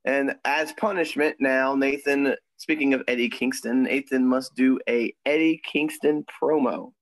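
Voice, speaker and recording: A man's voice: mid-range voice, steady tone, unhurried, no echo, low-quality recording. A young man co-hosting a podcast in casual chat, talking easily with frequent ums and laughs. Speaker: podcast co-host. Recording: dry close sound.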